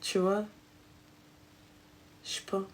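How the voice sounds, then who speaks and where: A woman's voice: slow pace, a little hiss or hum. A young adult woman hosting a live stream, chatting casually with callers in a teasing, slangy, joking way.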